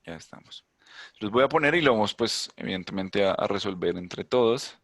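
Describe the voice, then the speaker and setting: A man's voice: fairly low pitch, lively intonation, moderate pace, fairly bright tone, no room sound. A man teaching an online English class, explaining chattily with asides and rhetorical questions.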